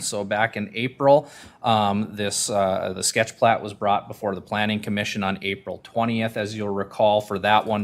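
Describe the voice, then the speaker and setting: A man presenting a formal staff report at a public meeting in a measured, procedural way with hesitant phrasing. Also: fairly low pitch.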